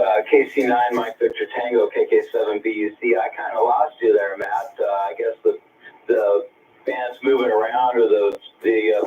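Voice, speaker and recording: A man running an amateur radio net, reading call signs phonetically in a relaxed, halting way, heard over a radio link with static. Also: fairly low pitch, distant mic, phone-quality sound. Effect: heard over a shortwave radio link with static. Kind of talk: ham radio net conversation.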